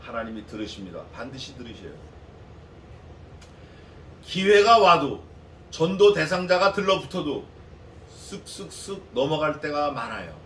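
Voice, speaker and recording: A man's voice: fairly high pitch, very animated, brisk. A male pastor preaching an expository sermon in a church, asking his congregation rhetorical questions in a conversational way. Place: church sanctuary. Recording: echoey hall from a distance, faint noise.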